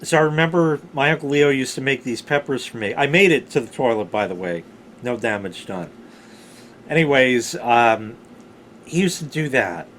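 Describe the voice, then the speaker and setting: A middle-aged man telling rambling personal stories casually, with animated, salty emphasis on key words. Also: medium pitch, normal speed, a little hiss or hum. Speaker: storyteller, vlog host.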